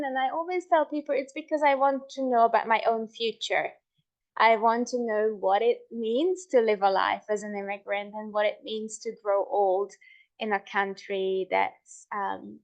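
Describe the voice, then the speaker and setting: A middle-aged woman from Hungary giving a measured academic talk on her research, with frequent ums and restarts. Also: a little high, highs cut off. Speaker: researcher presenting her work.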